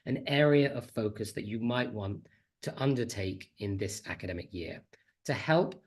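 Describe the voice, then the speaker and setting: A man's voice: fairly low pitch, animated, moderate pace. A man with a slight cold giving a chatty, friendly online conference talk as a teacher trainer, on a computer mic over a video call. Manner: friendly, chatty, self-deprecating.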